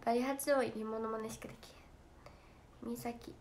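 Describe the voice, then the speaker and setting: A young woman with a Kansai accent chats casually to fans on a livestream. Her voice sits very high, and she is giggly and talkative, often slipping into quick impressions of her friends. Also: fairly even intonation, a little mellow, slight background noise. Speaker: idol trainee streaming to fans.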